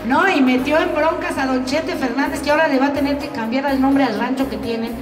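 Mexican woman comic-host, high voice, punchy live stand-up in a roomy hall. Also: fairly even intonation, a little fast, far from the mic, music in the background. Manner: high-energy, audience-teasing delivery. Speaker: comedy show host and stand-up comedian. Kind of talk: stand-up comedy routine. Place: live comedy venue with an audience.

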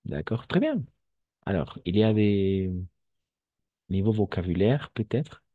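Slow deep-voiced male French teacher. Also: animated, breathy edge, dry recording, narrow, tinny audio. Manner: patient, repeats words, switches to Spanish to explain. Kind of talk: online language class.

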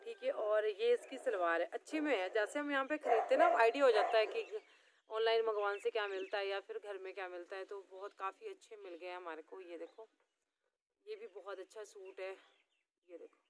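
A woman's voice: medium pitch, steady tone, brisk, noisy background. A young woman with a Himachali Pahari accent, chatting casually and rambling to her viewers in a homely vlog. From Himachal Pradesh, India. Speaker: vlogger.

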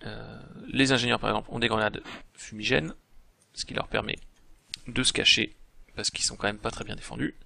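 A man with a heavily gravelly, creaky voice talks through a strategy game as he plays. His tone is bright and forward, and he thinks aloud in a relaxed way, often pausing to hesitate. Mouse clicks tick along behind him. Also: on the low side, no echo. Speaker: game video host. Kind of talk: casual gameplay commentary.

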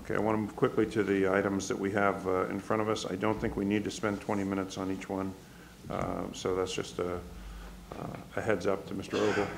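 Gravelly low-voiced man chairing a meeting. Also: level tone, slight background noise. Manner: measured, with frequent fillers. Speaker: board chair. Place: large public meeting hall. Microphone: desk microphone.

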